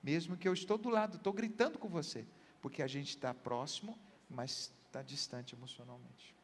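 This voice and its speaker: A man's voice: on the high side, moderate pace, breathy edge, big-room sound. A man with a Brazilian Portuguese accent, a pastor, giving earnest counseling advice with everyday examples on a church program. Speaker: pastor, guest.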